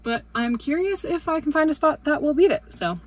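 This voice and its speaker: A woman's voice: high-pitched, animated, fairly quick. Upbeat woman vlogging from the trail. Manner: upbeat, chatty, talks to her dog. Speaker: travel vlogger. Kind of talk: casual vlog narration. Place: outdoors on forest trails and in a camper van.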